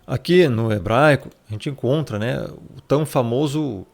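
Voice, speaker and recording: A man teaches scripture in a relaxed Bible study, walking through it point by point. His voice has a gravelly rasp and sits at an ordinary middle pitch. He keeps it conversational, often tossing in little tag questions and calling the listener brother. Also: measured pace. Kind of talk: casual Bible study explained over a shared screen.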